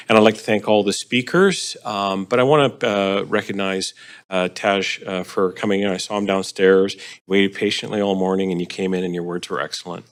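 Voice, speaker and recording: A man, a city councillor from Canada, giving measured remarks at a council meeting with frequent pauses. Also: lowish voice.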